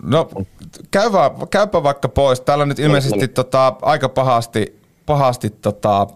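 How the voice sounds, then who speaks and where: A man co-hosting a webinar over a video call, relaxed and joking as he relays audience comments. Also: mid-range voice. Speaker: webinar co-presenter. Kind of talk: casual webinar talk.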